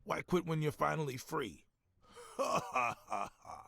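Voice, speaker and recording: Older gym worker: gravelly, folksy, leering gossip with lively swoops, noir video game. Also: male voice, a little high, unhurried, no echo, heavily acted. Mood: gossipy, lively. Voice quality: raspy, gravelly.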